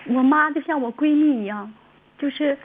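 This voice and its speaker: A woman's voice: sits high, normal speed. A woman, calling in by phone and telling a heartfelt, tearful story. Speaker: caller. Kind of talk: emotional phone-in conversation. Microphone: telephone. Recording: tinny phone line.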